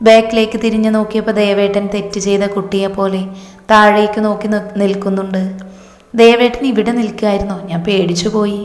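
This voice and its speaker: A woman narrating a romantic story in the first person, reading calmly and steadily. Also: mid-range voice, brisk. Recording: echoey room with long reverb.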